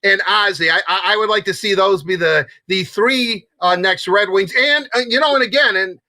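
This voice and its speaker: High, bright-voiced excitable sports host. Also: male voice, normal speed, no room sound. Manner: excitable, rambling with many restarts. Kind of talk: casual sports talk.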